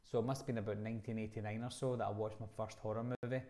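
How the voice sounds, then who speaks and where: Racing along in a flat, lowish, dark voice, this livestream host is a man in his thirties from Glasgow, Scotland. He reads questions from the chat aloud and answers them in a casual, conversational manner.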